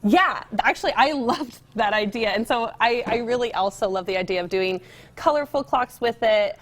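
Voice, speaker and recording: Her voice a little high and her intonation lively, the young American decor store guest speaks at a moderate pace. She keeps things informal and bright while demonstrating on a TV studio set during a casual interview.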